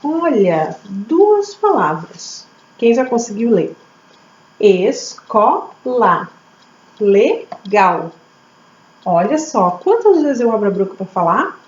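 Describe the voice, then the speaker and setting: A woman teacher, slowly sounding out words syllable by syllable for young children. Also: fairly high pitch. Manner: slow, syllable-by-syllable, lively teacher questions. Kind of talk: early literacy lesson for children. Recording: echoey room, slightly dull audio, faint hum.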